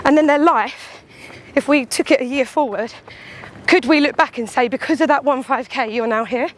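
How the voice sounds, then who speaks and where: High-voiced woman chatting while out running. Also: normal speed. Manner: talking while out on a run; candid, animated, swears casually and acts out imagined quotes. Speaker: runner and vlogger. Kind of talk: casual chatty vlog monologue.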